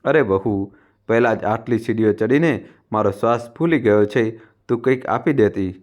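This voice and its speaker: A man reading the lines of a gentle, timid elderly widowed mother who speaks softly and hesitantly in a storybook narration. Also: fairly low pitch, moderate pace, natural voice. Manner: soft, pleading, hesitant.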